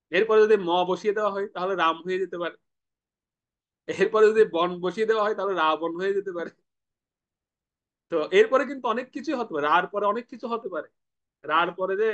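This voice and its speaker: A man's voice: sits high, a bit bright. A man from Bangladesh preaching a devotional sermon, explaining step by step, asking rhetorical questions and having listeners repeat words.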